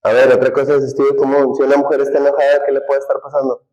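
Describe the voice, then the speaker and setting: A male teacher lectures a class in a relaxed, conversational way. His pitch sits in the middle of the male range. He keeps throwing questions at the students and answering them himself. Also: rapid-fire, poor audio.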